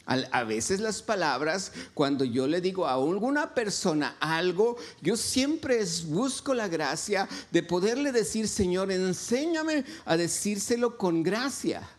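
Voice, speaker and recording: A man's voice: high voice, big pitch swings, measured pace, hardly any pauses. A man, a pastor preaching a sermon and asking his congregation questions. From Mexico. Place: church.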